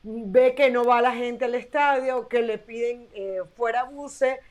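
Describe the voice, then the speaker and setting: A woman's voice: fairly high pitch, steady tone, measured pace, a little mellow. A woman on a sports talk panel, explaining at length with frequent fillers. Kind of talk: sports talk show discussion.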